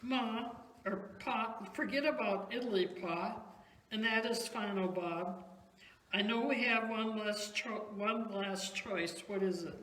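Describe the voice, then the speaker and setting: Woman doing a stubborn older ma in a comedy skit, slow emphatic talking, echoey room. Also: medium pitch, a bit bright. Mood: stubborn, dismissive. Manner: emphatic, deliberate refusals. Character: stubborn older Wisconsin wife Ma, dismissive and emphatic. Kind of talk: amateur church comedy talk-show skit. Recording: roomy echo, background noise.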